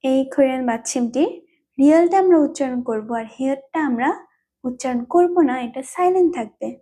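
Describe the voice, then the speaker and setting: A woman teaches a language lesson in a high, warm, soft-edged voice. She explains patiently and repeats each term several times so learners can follow. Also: animated, fairly quick, a little hiss or hum. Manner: repetitive.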